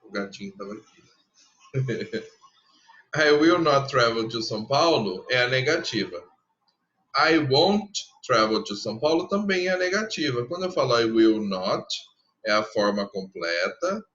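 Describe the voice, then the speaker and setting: A Brazilian man teaching a recorded lesson, his voice bright and forward. He explains patiently, step by step, repeating each example slowly. The sound is dull and somewhat lo-fi. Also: medium pitch, sing-song. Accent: Brazilian Portuguese. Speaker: English teacher.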